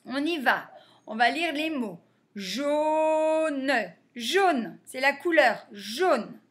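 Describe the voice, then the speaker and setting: A woman teaches young children to read, taking her time over every word. Her voice sits high, and she moves at a very unhurried pace. She draws out each letter and syllable so the children can hear it clearly. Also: sing-song, a bit bright. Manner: slow, over-articulated sounding out of letters. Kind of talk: reading lesson for young children.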